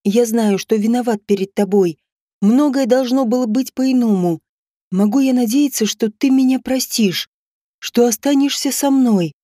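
A woman voicing a jealous, brooding young husband, speaking low and slowly with heavy breathing. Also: mellow, dry recording, clean studio sound, lightly acted. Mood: pleading.

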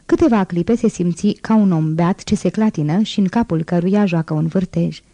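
Woman reading an audiobook, low mellow voice. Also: no room sound. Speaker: audiobook reader. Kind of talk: audiobook narration.

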